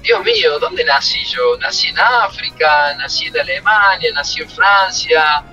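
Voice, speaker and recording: Bright-voiced Argentine man, reflective. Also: a little high, huge pitch swings, measured pace, lo-fi sound, faint music behind. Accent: Argentine Spanish. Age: middle-aged. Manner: emotional, reflective storytelling. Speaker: former footballer, coach. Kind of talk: interview answers.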